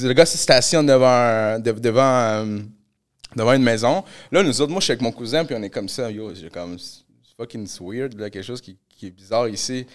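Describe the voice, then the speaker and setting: A Québécois man hosting a podcast, telling a story in an animated, slang-heavy way with English thrown in. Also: mid-range voice. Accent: Québécois French. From Canada. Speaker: podcast host. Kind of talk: casual storytelling chat.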